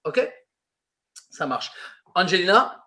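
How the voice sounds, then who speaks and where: A man's voice: high-pitched, very animated, slow, sharp tone. A man teaching an improv class, explaining patiently and repeating his key points.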